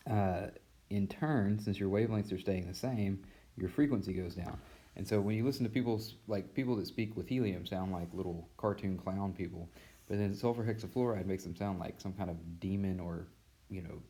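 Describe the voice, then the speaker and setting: A man who teaches physics, giving a casual recorded mini-lesson in a relaxed, rambling way with many fillers. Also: deep voice. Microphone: tablet mic.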